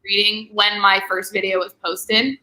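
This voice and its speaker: A woman's voice: mid-range voice, flat delivery, pushed and bright. A young woman hosting a casual livestream book discussion, chatty and full of "like" fillers. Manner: chatty, many "like" fillers, quick asides. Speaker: booktube host.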